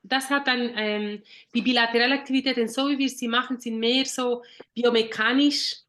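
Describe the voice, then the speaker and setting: A woman therapist reflects on clinical experience in a casual discussion. She thinks aloud, trailing into fillers and correcting herself, in a slightly high voice. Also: steady tone, normal speed, fairly bright tone. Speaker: therapist in a journal club.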